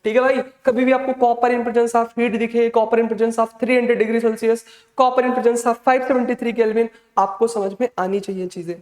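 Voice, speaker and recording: A man with a very high-pitched, darkish voice takes it slowly in a level tone as he teaches chemistry for online exam prep. Fatherly and motivating, he calls students "beta" and goes over the key points repeatedly, his words echoing with long reverb.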